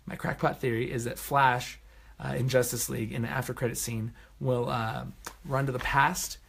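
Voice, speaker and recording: Gravelly-voiced man gushing over a movie. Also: mid-range voice. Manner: excitable and effusive, swings between loud bursts and soft murmurs. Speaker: vlogger hosting a movie review show. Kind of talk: casual spoken movie review. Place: room at home at night.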